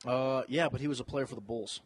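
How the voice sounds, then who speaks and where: A man's voice: medium pitch, fast talker, slightly rough. A man co-hosting a podcast, bantering casually and crudely, swearing freely as he jokes. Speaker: podcast co-host.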